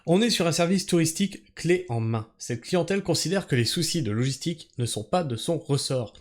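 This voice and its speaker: This commentator reads a news article aloud in a fairly high, expressive voice at a brisk clip. He keeps breaking off into sarcastic, profane rants, his asides full of exasperation.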